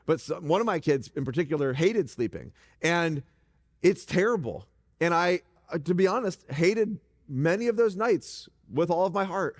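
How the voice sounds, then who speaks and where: A middle-aged man preaching a conversational sermon from a church stage, animated and joking with the congregation. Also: fairly high pitch, moderate pace. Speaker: pastor. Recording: reverberant church hall.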